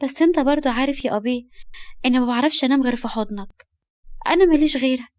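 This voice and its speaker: A woman's voice: sits high, racing, darkish tone, dry recording, voice pushed up, natural voice. A woman voicing a pouty, devoted adopted teenage girl who whines and pleads, with an Egyptian accent. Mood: pleading. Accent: Egyptian Arabic. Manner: whiny, pleading.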